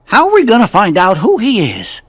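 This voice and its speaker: A tiny, wide-ranging cricket chronicler. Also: male voice, high voice, wildly swooping pitch, brisk, slightly rough, heavily acted. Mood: earnest. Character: small fussy male cricket chronicler. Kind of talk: game cutscene acting.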